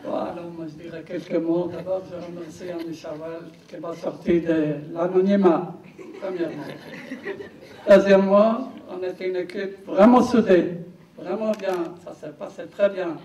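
A soft-spoken man in his eighties speaks with a Yiddish accent, his voice high but dark in tone. He thanks people in short, simple phrases. He sounds distant in an echoing cinema hall. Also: fairly even intonation, moderate pace. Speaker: actor. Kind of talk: brief thank-you speech. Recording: echoey hall, distant dull mic.

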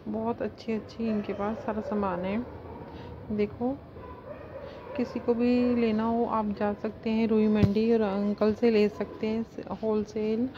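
A woman's voice: on the high side, muffled recording, background noise. A woman filming a casual shopping vlog as she walks through wholesale market stalls and points out goods and prices. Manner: chatty, repeats "guys" and "very pretty" a lot. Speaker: cosmetics channel vlogger.

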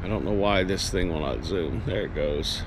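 A man's voice: sits low, normal speed, background noise. A middle-aged man in his fifties, a truck driver vlogging in a casual, rambling way with lots of fillers, filming himself inside his truck cab at night. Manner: rambling, conversational, many fillers. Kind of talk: casual vlog monologue. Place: truck cab at night, earlier outdoors at a loading yard.

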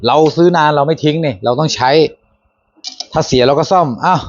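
A man hosting a handyman channel, talking casually through a tool demo, relaxed and chatty with fillers and self-corrections. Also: a little high, fairly quick. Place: workshop or garden. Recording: dull lo-fi sound.

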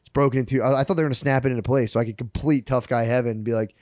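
A man's voice: mid-range voice, fairly even intonation, very fast, a little mellow, no room sound, clean studio sound. A man in his thirties co-hosting a podcast, telling loose, profane stories in casual comedic banter. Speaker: podcast co-host.

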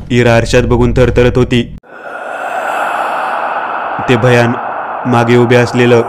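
A man narrating a horror story in a steady, even-toned scripted reading. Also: mid-range voice.

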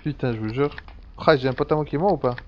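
A man's voice: mid-range voice, fast, noisy background. A man giving casual gameplay commentary, chatting and swearing as he thinks aloud. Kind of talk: casual let's-play commentary. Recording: dull lo-fi sound with faint background ambience.

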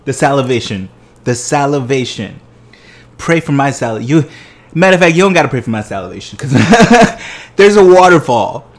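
A food vlogger in his thirties sits in his living room tasting desserts, chatting away and relishing every bite with exuberant delight. His mid-range voice is expressive and moves at a moderate pace.

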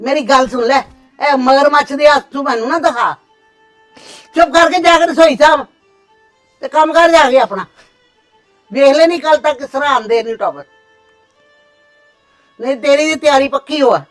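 A woman's voice: high voice, moderate pace, pauses often, soft background music, natural voice, poor audio. A woman playing a harsh middle-aged mother-in-law who scolds and threatens her daughter-in-law. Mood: threatening. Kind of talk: family drama acting.

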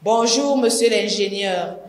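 Lady doing a haughty pharmacist lady, curt and bossy, slow, echoey. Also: medium pitch, natural voice. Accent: Cameroonian French. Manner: curt, commanding. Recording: echoey room.

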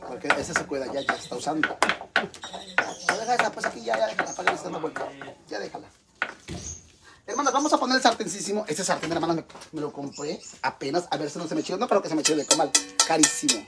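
A man's voice: fairly high pitch, animated, quick pace, vocal fry, very noisy. A man with a Mexican accent chatting to viewers from his home kitchen while he cooks, campy, teasing and crude. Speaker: live streamer. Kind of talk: live stream chat while cooking.

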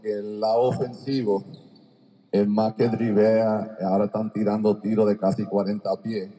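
In a big indoor arena, a man who coaches basketball, from Cleveland, Ohio, lectures a seminar on a handheld mic routed through a PA. His mellow voice is on the low side, level, and moderately paced. The far-off camera catches the long echo of a large gymnasium.

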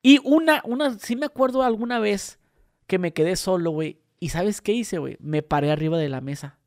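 A man with a Mexican accent, telling animated childhood stories with crude slang in a casual podcast chat. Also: sits high, fairly quick, no room sound, studio quality. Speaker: podcast co-host.

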